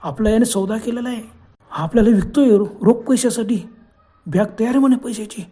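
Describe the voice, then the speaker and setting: A man voicing a frightened but fierce woman in a spoken horror story, speaking urgently and forcefully. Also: sits high, fairly quick, lightly acted. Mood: alarmed.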